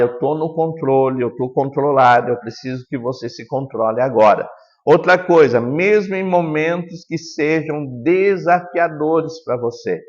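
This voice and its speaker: A man, a pastor giving a calm, earnest teaching lesson that often sinks to a soft, low tone. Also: in a large hall, dull audio. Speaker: pastor teaching children's ministry workers.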